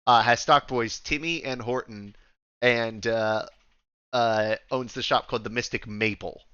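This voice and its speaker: A man's voice: on the low side, bright, forceful tone, smooth, no room sound, dull audio. A man narrating a tabletop game as game master, rambling and playful and filling his speech with "like". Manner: rambling, playful, full of "like" fillers.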